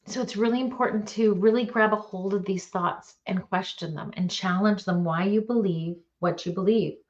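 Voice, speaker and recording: A middle-aged woman mentor giving a motivational talk, telling personal stories in an earnest, animated way with bursts of laughter. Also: mid-range voice, normal speed, muffled recording. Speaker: mentor and coach.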